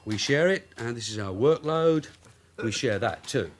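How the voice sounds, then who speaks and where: In a British radio drama, a man plays a streetwise detective sergeant with long years of service, delivering lines in an offhand, wry, matter-of-fact way. His medium-pitched voice is expressive and natural, at a normal speed.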